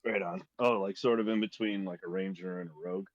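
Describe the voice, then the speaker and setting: A man's voice: low-pitched, steady tone, fast talker, no room sound. A laid-back, agreeable man chatting casually as a player at a tabletop game. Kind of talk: casual chat. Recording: dry, dull lo-fi audio.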